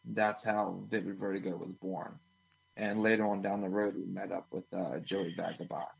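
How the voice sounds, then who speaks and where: A man's voice: low voice, moderate pace, creaky, breathy edge, rough recording. A man from Washington, D.C., a band drummer and interview guest, answering casually with many uhs between phrases. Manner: relaxed, filler-heavy, uh between phrases.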